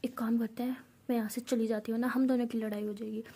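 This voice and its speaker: A woman's voice: fairly high pitch, level tone, fast, mellow. A woman voicing an exasperated young college girl in a whispered role-play.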